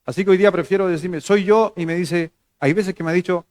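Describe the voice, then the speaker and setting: A Chilean pastor preaches to his congregation in a somewhat high-pitched voice. His sermon is conversational and laced with humor. He swings from loud, emphatic stretches down to soft, low asides. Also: fairly even intonation, fast talker, no echo. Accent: Chilean Spanish.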